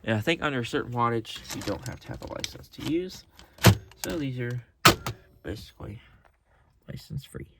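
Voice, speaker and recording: Indoors at home, an American man shows off his radio collection, talking off the cuff in a rambling, hesitant way and frequently correcting himself. His mid-range voice is creaky with lively intonation and normal speed, broken by long pauses. The recording is very noisy.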